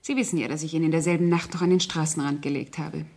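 In a German radio crime drama, an actress voices a cold, calculating murderess posing as a helpful household friend. Her low voice is steady and a little mellow, and she talks fast with precise, controlled command.

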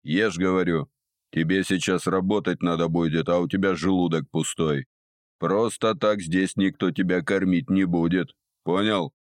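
A man voicing a gruff, mocking old male gnome jailer who scolds in a slow, drawn-out, sarcastic way. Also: low-pitched, fairly even intonation, dry recording, clean studio sound, natural voice. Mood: scolding.

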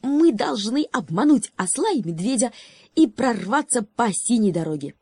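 A woman's voice: a little high, very animated, normal speed, dark tone, breathy edge, dry recording, pitched above the performer's own voice, full character voice. A woman voicing a small, eager male froglet who leads his friends in a storybook.

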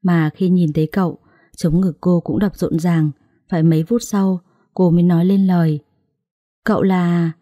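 Story narrator: a woman reading in a low, very mellow, close and dry voice. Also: fairly even intonation, moderate pace, dry recording.

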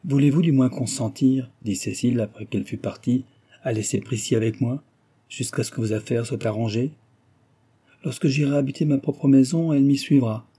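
A man's voice: medium pitch, normal speed, mellow, husky, natural voice. A man reading a dignified young heiress. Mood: earnest. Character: young wealthy orphan woman, dignified and gentle. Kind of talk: audiobook character reading.

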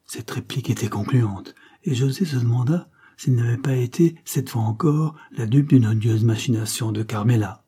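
A man narrating an old novel in a measured, dramatic audiobook reading. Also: mid-range voice, dark tone, husky.

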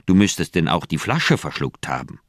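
An actor playing a flustered doctor in a radio play, fretful and exasperated. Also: male voice, a bass voice, big pitch swings, moderate pace, no room sound, clean studio sound, full character voice. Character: anxious middle-aged male doctor, flustered friend.

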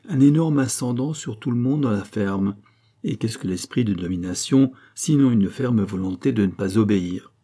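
A man narrating a classic novel as an audiobook, reading in measured, phrase-by-phrase delivery. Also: on the low side, mellow, breathy edge.

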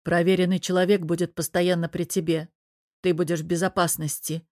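A woman's voice: lowish voice, level tone, fairly quick, darkish tone, no room sound, clean studio sound, close to an everyday voice. A woman voicing a cold, menacing young male crime boss, speaking in clipped, curt phrases.

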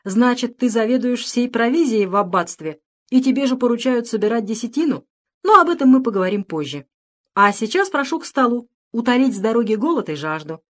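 A woman's voice: on the high side, expressive, a little fast, fairly bright tone, pitched above the performer's own voice. A woman reading a storybook, voicing a bold, cheerful male outlaw leader who gives orders. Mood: commanding. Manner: commanding, jovial.

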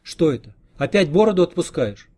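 A man's voice: a little high, animated, fairly quick, warm tone, breathy edge, pitched above the performer's own voice. A man voicing a fretful, devoted wife. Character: anxious devoted middle-aged wife.

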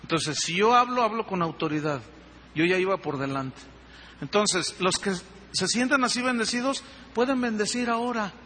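A man preaching a sermon as pastor, telling stories in an animated way and acting out the dialogue. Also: high voice, moderate pace. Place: church hall. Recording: reverberant hall with faint noise.

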